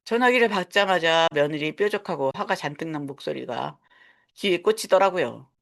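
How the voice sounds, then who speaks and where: A woman in her sixties narrating a first-person story in a calm, matter-of-fact way. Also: low voice, normal speed, gravelly. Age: 60s.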